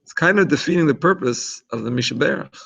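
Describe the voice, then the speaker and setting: A man's voice: medium pitch, expressive, a little fast, gravelly, fairly bright tone, low-quality recording. A man teaching an informal religious class in a chatty, explanatory way, often restarting his sentences. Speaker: Torah teacher.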